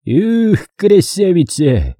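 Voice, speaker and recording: A big bearded middle-aged boss drawls his words slowly with smug mockery, as a male audiobook reader puts him on. The voice sits higher than the reader's own and stays husky and dry. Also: wildly swooping pitch, warm tone, no room sound, heavily acted. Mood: leering. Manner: slow, mocking drawl.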